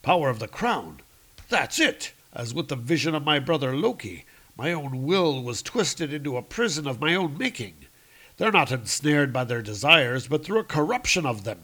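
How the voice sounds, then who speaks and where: Man doing a noble warrior prince, earnest, formal archaic speech, a little raised, loud. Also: fairly high pitch, sing-song, moderate pace, exaggerated voice. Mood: resolute.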